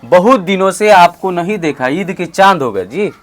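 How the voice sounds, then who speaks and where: A man teaching English in a classroom, calling out prompts loudly and saying model phrases slowly for his students to repeat. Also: high voice, lively intonation. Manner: loud call-and-response prompting, slow drawn-out model phrases. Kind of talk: classroom lesson.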